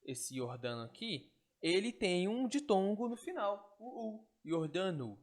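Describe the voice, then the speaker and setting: A man teaching Greek in an online lesson, explaining step by step and checking in with quick tag questions. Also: high voice, very animated.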